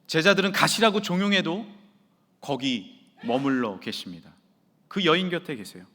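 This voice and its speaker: A man preaching a sermon as pastor in a church sanctuary, swinging from loud to near-whisper. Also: a little high, lively intonation, moderate pace. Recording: reverberant church hall.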